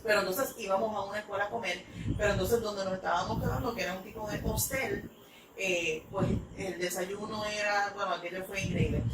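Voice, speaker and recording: A woman's voice: medium pitch, steady tone, a little fast. A woman from New York, an English teacher, telling stories in a church talk with many fillers. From United States (New York). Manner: rambling, filler-heavy storytelling. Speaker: English teacher, ministry speaker. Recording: echoey room, mic far off, noisy.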